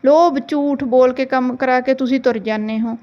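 Cheeky teasing girl a woman doing her, highish voice, playful, kinda muffled audio. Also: fairly even intonation, normal speed, mellow, natural voice. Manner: playful, bargaining, mock-dramatic.

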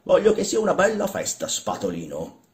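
Bossy mocking old guy, read out by a man, loud, swings his pitch a lot, echoey room. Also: huge pitch swings, a little fast. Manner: loud, scolding, commanding. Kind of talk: dramatic literary reading. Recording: roomy echo.

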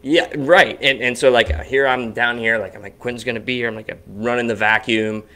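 A man's voice: mid-range voice, steady tone, fairly quick, bright, forceful tone. A man co-hosting a podcast in casual chat, talking in a rambling way with frequent restarts. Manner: rambling, restarts often, chatty. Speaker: podcast co-host. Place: basement home studio.

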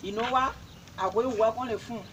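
Man acting a high-voiced skeptical Liberian friend. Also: fairly quick, a bit bright. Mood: doubtful, questioning. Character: skeptical male friend reasoning with a confused man. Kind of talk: improvised comedy skit. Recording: faint background noise.

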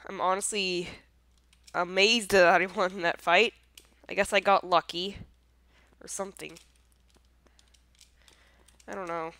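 A woman's voice: fairly low pitch, steady tone, slow, long pauses, sharp tone, no room sound. A woman with a congested, nasal voice chatting casually through her gameplay, easily surprised and self-deprecating. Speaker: gameplay commentator.

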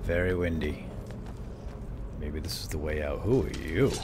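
An extremely low, unhurried male voice with background noise. This let's player narrates a video game playfully, dipping into light role-play as he talks to himself and his companions in the game, with cave ambience, combat, and game sound effects behind.

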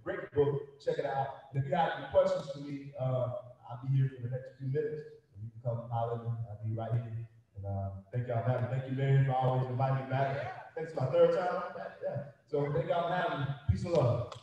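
A man's voice: mid-range voice, a little fast, warm tone. Man speaking in a very echoey gym. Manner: informal, slangy. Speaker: guest speaker and children's author. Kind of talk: casual talk to an audience. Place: large indoor gymnasium. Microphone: handheld microphone. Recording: very echoey gym, distant, slightly dull.

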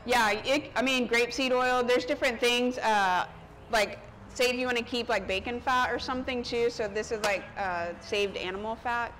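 On a covered market stage outdoors, a thirtysomething female chef gives a cooking demonstration, explaining things informally as she works in front of people. She speaks at a normal speed in a fairly high, fairly bright voice with a steady tone. Her lapel mic also catches the surrounding park noise.

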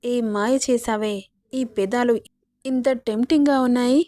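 A woman's voice: on the high side, fairly even intonation, moderate pace, warm tone, no room sound, studio quality, close to an everyday voice. A woman reading a teasing young lover. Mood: coaxing. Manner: coaxing, playful.

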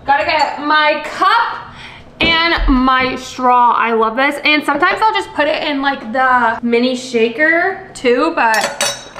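Slow and high, her voice pushed and bright, a young lifestyle and fitness vlogger gushes cheerfully to a handheld camera held at arm's length. She films in her home kitchen and bedroom and later a parked car, with slight background noise.

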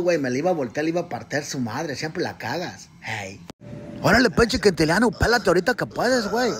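A man voicing a rowdy, swaggering ranch tough guy with a husky voice, brash and foul-mouthed, in comedy sketches. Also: on the high side. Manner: brash, swaggering, swears a lot.

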